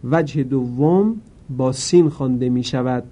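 A man teaching Quran reading in a careful, slow way, now and then chanting a word slowly. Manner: chants the words slowly, louder and higher. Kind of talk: lesson.

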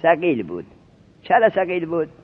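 A man teaching grammar, firing questions at his students and walking them through each rule. His voice sits a little high for a man. The sound is thin and narrowband, like an old phone line. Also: big pitch swings, slightly rough. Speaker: seminary teacher. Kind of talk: Arabic grammar lesson in Persian. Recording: tinny lo-fi narrowband recording.

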